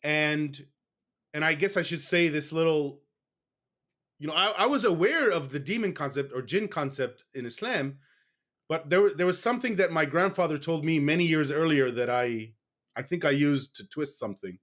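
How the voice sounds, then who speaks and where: A man's voice: fairly high pitch, expressive, normal speed, a bit bright. A man from the United States speaking in a casual interview as a guest, candid and rambling, often stopping to correct himself.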